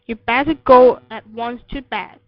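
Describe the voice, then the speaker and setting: A stern mother loses her patience and scolds loudly and indignantly, as a woman acts her out. The voice sits high and sharp with anger, delivered in a storybook reading over a slightly muffled recording. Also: steady tone, a little slow, no echo, natural voice. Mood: angry.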